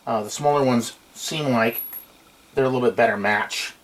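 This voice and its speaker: A middle-aged hobbyist electronics restorer speaks at a medium pitch and normal speed, casually demonstrating something hands-on at his workbench without a script. A camera mic a short distance away picks him up in a small room, giving a noisy amateur camcorder sound.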